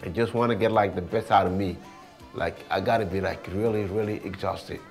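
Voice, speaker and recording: In a casual interview, a Senegalese-accented man talks informally about being an artist, repeating words and phrases often. His low voice keeps a steady tone at a brisk pace, with faint music in the background.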